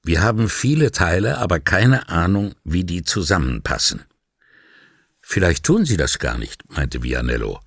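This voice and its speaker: A man narrating a crime novel audiobook in a measured reading style, lightly voicing the dialogue. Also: deep voice, big pitch swings, fairly bright tone, husky, no room sound, studio quality. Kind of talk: scripted narration.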